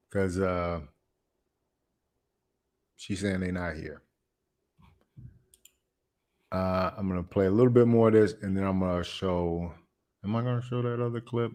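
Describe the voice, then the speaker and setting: A man's voice: on the low side, a little mellow. A man hosting a reaction video, commenting casually on a clip and laughing often, repeating his phrases.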